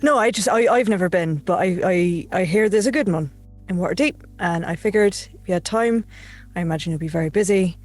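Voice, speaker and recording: A woman with a somewhat low voice speaks haltingly at a tabletop game table. She pauses and fills gaps with "like" and restarts. Faint music sits behind her. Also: a little mellow. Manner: hesitant, halting with fillers. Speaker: player.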